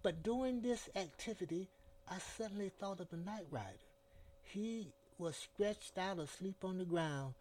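Slow-paced male storyteller. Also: high voice, a little mellow, slight background noise. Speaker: narrator. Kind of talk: first-person story narration.

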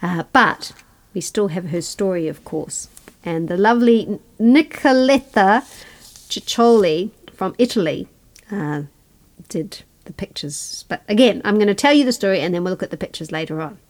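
High-voiced New Zealand woman telling children stories. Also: moderate pace. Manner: expressive, repeats words for emphasis, asks listeners questions. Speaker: children's storyteller and podcast host. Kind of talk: conversational oral storytelling for children. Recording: prominent guitar music under speech. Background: guitar music.

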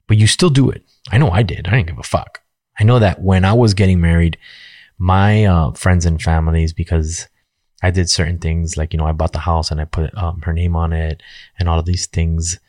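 Low-voiced guy in his 40s, candid rambly monologue, dry close sound, cusses casually. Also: steady tone, moderate pace, darkish tone, dry recording. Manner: rambling, frank, swears casually, many fillers.

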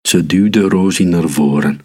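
Slow deep-voiced man reading a story. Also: darkish tone.

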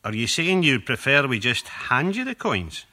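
A man's voice: mid-range voice, big pitch swings, moderate pace, bright, forceful tone. An actor playing an affable, mock-formal workshop handyman with a dry sceptical manner in an audio comedy. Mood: courteous, patient.

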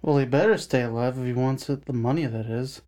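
A man voicing an impatient, snarky young man who is quick to anger. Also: medium pitch, mellow, voice pushed up, lightly acted. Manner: snarky, impatient, angry outbursts. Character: hot-headed young man, impatient sidekick.

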